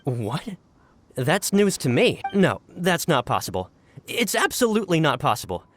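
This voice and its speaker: A man's voice: a little high, wildly swooping pitch, moderate pace, a bit bright, soft background music, exaggerated voice. A man voicing an anxious, deferential agent in an anime game, earnest, flustered and emphatic. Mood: defensive. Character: anxious, deferential young male subordinate agent.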